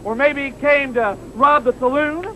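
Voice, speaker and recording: Man playing a whiny nervous sidekick, real high voice, dull live sound with outdoor noise. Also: normal speed, a bit bright. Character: jittery frontier townsman, cowardly and cheeky. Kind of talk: live comedy western skit.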